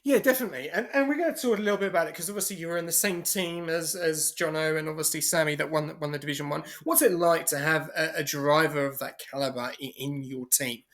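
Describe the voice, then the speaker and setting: A man, hosting an informal awards show in a halting, hesitant way. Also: fairly high pitch, fairly bright tone. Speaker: awards show host and race commentator. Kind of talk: casual online awards presenting.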